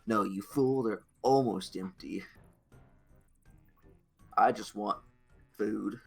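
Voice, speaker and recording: A man's voice: lowish voice, slow pace, vocal fry, husky, soft background music, voice pushed down, exaggerated voice. A man voicing a pair of dim, hungry ogres who mutter complaints at each other in a tabletop game. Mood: grumbling.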